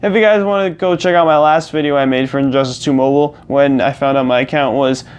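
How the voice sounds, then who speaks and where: A man's voice: mid-range voice, fairly even intonation, fast, smooth. A young man hosting his own channel, talking through a rambling, casual rant into a personal mic, restarting and repeating himself. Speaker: gaming channel host. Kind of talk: casual ranting monologue.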